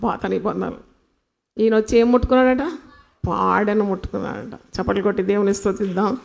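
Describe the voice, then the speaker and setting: A woman preaching a sermon in a call-and-response style, asking the congregation questions and swinging between loud and soft delivery, with phrases. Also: medium pitch, gravelly.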